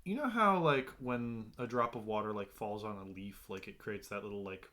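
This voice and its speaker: A man's voice: on the low side, moderate pace, sharp tone. A man narrating a tabletop game as game master, loose and rambling with casual swearing.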